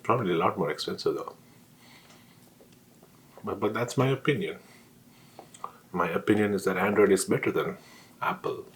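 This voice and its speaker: A man's voice: sits low, moderate pace, pauses often, a little hiss or hum. A man on a casual solo rant, talking while eating with his mouth sometimes full, often asking questions and answering them himself. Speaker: vlogger.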